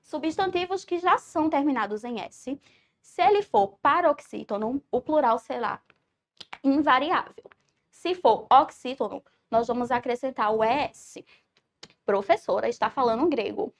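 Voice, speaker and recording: A woman's voice: high voice, animated, a little slow. A woman teacher with a Brazilian Portuguese accent giving a recorded grammar lesson, explaining step by step and checking in with her students. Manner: clear explanatory delivery, checks with "certo?".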